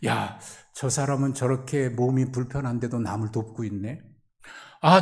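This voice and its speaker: Speaking at medium pitch, a pastor preaches to his congregation, acting out quoted voices. He swings between loud, pleading questions and hushed near-whispers.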